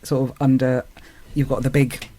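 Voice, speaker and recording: A man's voice: medium pitch, little pitch movement, normal speed, warm tone. A man, an actor and singer, talking as a podcast guest in a thoughtful, hesitant way with many fillers. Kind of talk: casual conversation.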